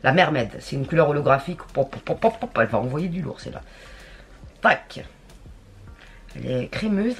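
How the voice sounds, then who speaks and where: A woman chatting casually through a makeup tutorial, slangy and talking to herself as she works. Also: low voice. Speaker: beauty vlogger.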